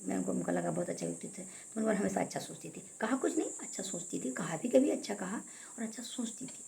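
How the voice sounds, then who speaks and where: A woman schoolteacher sharing a personal spiritual reflection in an earnest, halting way, often restarting and correcting herself. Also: lowish voice, vocal fry, warm tone, a little hiss or hum.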